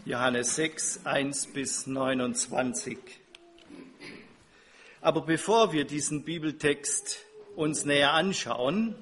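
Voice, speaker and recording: A man who is preaching, introducing his sermon and its Bible reading in a measured way. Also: on the high side, fairly bright tone.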